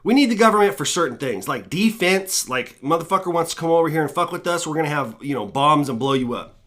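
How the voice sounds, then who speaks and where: A man ranting on a live stream about cannabis laws, swearing constantly, and high while he talks. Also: expressive, fast, fairly bright tone. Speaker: cannabis vlogger. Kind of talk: profane live stream rant.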